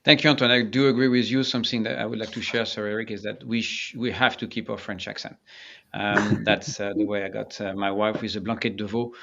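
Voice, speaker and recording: A man's voice: on the low side, flat delivery, fairly quick, gravelly, fairly bright tone. A man moderating an online panel, playful and joking between his questions to the guests. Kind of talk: webinar panel talk. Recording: muffled lo-fi audio.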